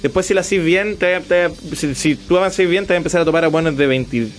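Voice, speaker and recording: A man with a Chilean accent co-hosting a casual podcast, chatty and giving advice. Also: a little high. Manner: rapid, chatty, advising. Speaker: co-host.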